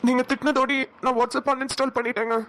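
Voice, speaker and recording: A lonely, heavy-hearted young man in a cartoon, played by a woman. The voice sits high and the words come fast. He sounds mournful and worn down. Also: little pitch movement, a bit bright. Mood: sad, lonely. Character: sad lonely young man, caring brother. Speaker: cartoon voice actor. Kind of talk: Tamil cartoon dialogue.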